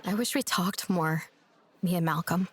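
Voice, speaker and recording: A woman's voice: on the low side, moderate pace, husky. A blunt young woman with a dry, teasing, direct delivery, for an audio drama. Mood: earnest. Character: blunt, sarcastic young woman, grieving sister. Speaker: Bianca Diaz.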